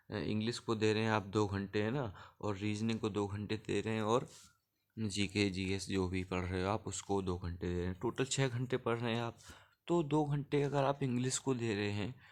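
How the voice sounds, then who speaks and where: A man's voice: fairly low pitch, fairly even intonation, moderate pace. A young man coaching students for a clerical exam in a casual, conversational teaching style, often checking that they follow along. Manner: conversational, keeps asking for agreement. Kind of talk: casual Hindi tutoring talk.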